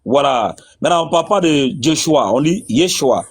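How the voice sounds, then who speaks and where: A man's voice: a little high, lively intonation, normal speed, slightly rough. A man in a religious debate, insistently repeating his questions.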